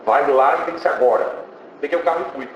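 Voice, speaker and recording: A man's voice: on the high side, fast, recorded from a distance. A Brazilian man with a Brazilian Portuguese accent, giving a fervent church testimony that he keeps breaking up with cries of praise. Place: church hall. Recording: muffled, echoey church hall with noise.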